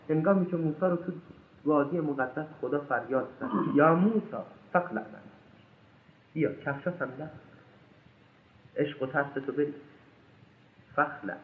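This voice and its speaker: Impassioned preacher, tinny and echoey. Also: male voice. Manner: swings between loud high outbursts and low hushed asides; chants scripture verses slowly. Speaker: religious lecturer. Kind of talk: impassioned sermon with recited scripture.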